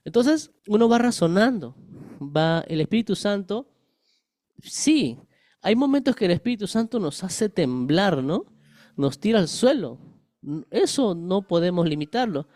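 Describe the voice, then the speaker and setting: A man's voice: sits high, very animated, a little slow, a little mellow, dry recording, studio quality. A middle-aged male pastor giving a conversational Bible-study sermon, explaining verses with everyday examples and asking the congregation rhetorical questions.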